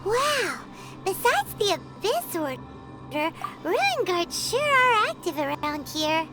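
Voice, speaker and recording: A woman's voice: very high-pitched, big pitch swings, takes it slowly, loud music behind the voice, exaggerated voice. A woman voicing a tiny, chirpy female fairy who serves as a guide companion. She speaks in a bubbly, childlike and inquisitive way. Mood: curious. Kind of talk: video game cutscene voice acting.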